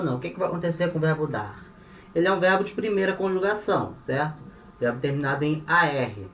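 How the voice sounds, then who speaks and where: A man from Brazil teaching a Spanish grammar lesson, patient and repetitive, checking in with the listener after nearly every phrase. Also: a little high. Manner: patient, repeats points, tags phrases with "né?" and "tá?". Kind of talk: explanatory language lesson. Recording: echoey room with faint ambient noise.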